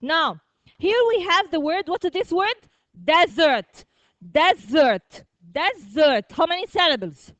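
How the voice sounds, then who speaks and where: A woman teaching a primary school vocabulary lesson, repeating words slowly, drilling the class and checking with "okay?" after each point. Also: very high-pitched, sing-song, fairly bright tone, no room sound.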